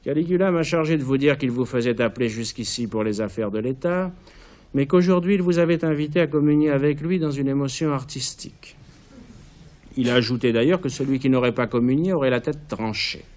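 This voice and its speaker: A man's voice: mid-range voice, fairly quick, darkish tone, close to an everyday voice. Male reader as a detached woman, neutral and coolly polite. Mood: indifferent. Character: cool, detached woman, emperor's companion. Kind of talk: author reading his play aloud.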